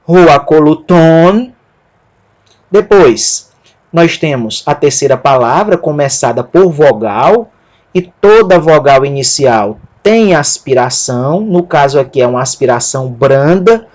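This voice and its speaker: A man giving a Greek lesson, spelling out letters one by one and repeating words slowly. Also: on the high side. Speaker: Greek teacher. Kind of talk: slow spoken lesson.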